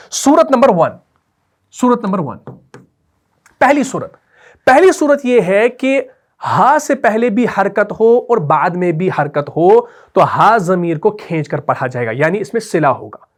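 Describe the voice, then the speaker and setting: Patient male Urdu tajweed teacher. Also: high-pitched. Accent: Pakistani Urdu. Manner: patient, repeats key rules and checks understanding with questions. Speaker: Quran recitation teacher. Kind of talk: tajweed lesson explained while writing on a board.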